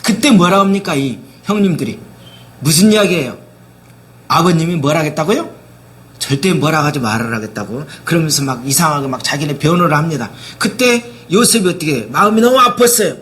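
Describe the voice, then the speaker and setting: A man's voice: fairly high pitch, animated, brisk, a bit bright. A man preaching a sermon as pastor, constantly asking his listeners rhetorical questions and dramatically acting out the words of biblical figures.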